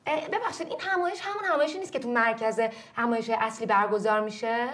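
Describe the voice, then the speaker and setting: A woman's voice: a little high, background noise, natural voice. A woman playing an insistent, impatient caller. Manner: insistent, fussy. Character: impatient woman pushing for an appointment.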